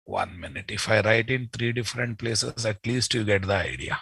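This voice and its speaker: This middle-aged man speaks in a fairly low, husky voice with vocal fry and a sharp tone, at normal speed. The sound is clean and studio-like with no echo. A software instructor with an Indian Telugu accent, he teaches an informal live online lesson by video call from an indoor room, repeating phrases and addressing learners familiarly.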